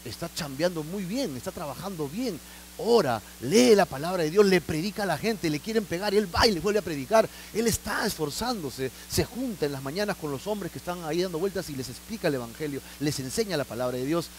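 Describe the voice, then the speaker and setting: A man's voice: fairly high pitch, expressive, a little fast, slight background noise, poor audio. A man preaching a Bible sermon, conversational, often adding tag questions and acting out little scenes. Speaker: pastor. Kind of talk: expository sermon.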